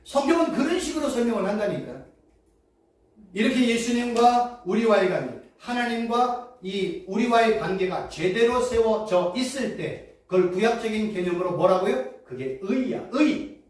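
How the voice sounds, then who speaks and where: A woman's voice: on the high side, expressive, normal speed, darkish tone. A woman seminary professor giving a preaching-style Bible lecture, quizzing her listeners with rhetorical questions and repeating key phrases for emphasis. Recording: very echoey room, mic far off.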